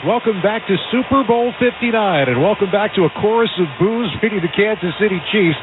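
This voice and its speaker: A man's voice: sits high, a little fast, background noise. A man hosting a radio sports broadcast as play-by-play announcer, polished and upbeat. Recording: phone-like band-limited radio audio.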